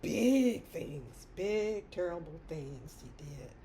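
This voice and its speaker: A woman's voice: fairly low pitch, animated, takes it slowly, dark tone, soft background music. A middle-aged woman talking in an unscripted personal monologue, rambling, repeating her points and laughing often between phrases. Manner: emphatic repetition. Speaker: vlogger.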